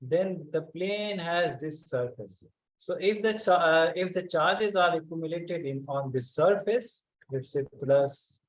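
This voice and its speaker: Teaching physics online, a man with a slightly high voice speaks haltingly and calls on students by name to make sure they're following. The audio quality is poor.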